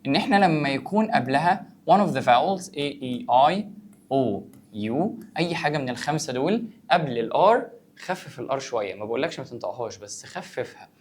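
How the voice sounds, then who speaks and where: Speaking in a mid-range, expressive voice at a brisk clip, this man teaches English vocabulary with an Egyptian Arabic accent. He poses his own questions and answers them in a conversational way.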